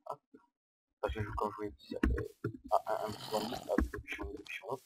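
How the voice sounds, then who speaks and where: A man giving casual, hesitant gameplay commentary, explaining step by step on a low-quality microphone. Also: completely flat delivery, fairly quick, slight background noise. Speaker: Minecraft let's-player.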